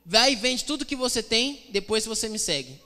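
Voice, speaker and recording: A blunt, commanding Jesus gives curt orders as a preacher quotes him, in a bright, forceful voice. The words ring out in a reverberant church. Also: male voice, high voice, normal speed. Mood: firm. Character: firm, blunt male Jesus.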